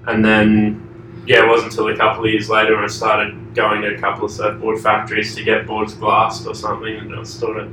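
A man's voice: on the low side, completely flat delivery, fairly quick. An Australian surfboard shaper in his thirties, answering interview questions in a laid-back, rambling way. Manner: laid-back, trailing filler-heavy answers. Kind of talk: casual conversational interview. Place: echoey shaping room indoors. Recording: echoey distant room recording with faint noise.

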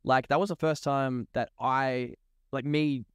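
A man's voice: medium pitch, fairly even intonation, unhurried, smooth, no echo, studio quality. A man chatting casually as a podcast guest, blunt and sweary, peppering his talk with "like". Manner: blunt, slangy, sweary, says "like" constantly. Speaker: music artist being interviewed.

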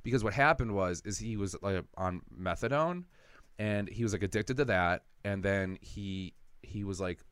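A man's voice: fairly low pitch, moderate pace, fairly bright tone, smooth, no echo, studio quality. A man telling a long personal story in casual podcast chat, rambling and profane, acting out what people said. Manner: rambling, profane, acts out quotes.

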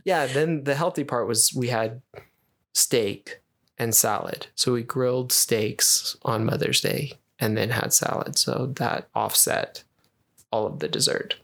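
A man's voice: medium pitch, measured pace, creaky, a bit bright. A man in his thirties chatting casually as a podcast co-host. His voice sits in an ordinary middle range. He rambles through stories with lots of fillers and restarts. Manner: easygoing, rambling storyteller with frequent fillers. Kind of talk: casual chat.

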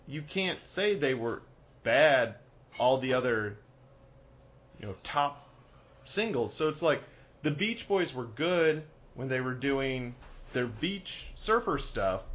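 Man, podcast co-host, lively swooping pitch, rambling casual chat, dull lo-fi sound. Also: slow. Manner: animated, rambling, laughs often.

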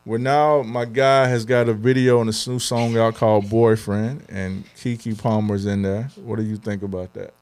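A man's voice: fairly low pitch, flat delivery, moderate pace, hardly any pauses, darkish tone, clear, resonant tone. A young adult man co-hosting a podcast, talking earnestly in casual chat, with many fillers and restarts. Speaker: podcast co-host.

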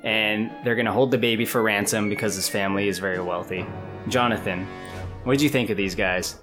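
A man hosting a casual movie-review chat, relaxed, recapping the plot and laughing easily. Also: on the low side, brisk, over music.

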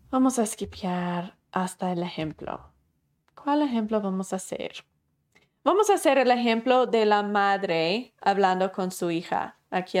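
A woman's voice: a little high, darkish tone. A woman teaching about recovery, explaining with rhetorical questions and an easy, plain manner.

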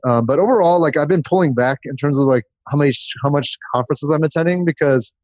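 In a lo-fi recording without echo, a growth marketer talks fast as a casual podcast guest, his voice a little high and a little mellow. His explanations ramble and come in lists.

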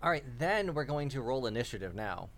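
A man acting as game master, narrating a tabletop game in a relaxed, laughing way with slow, deliberate narration. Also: mid-range voice, slight background noise.

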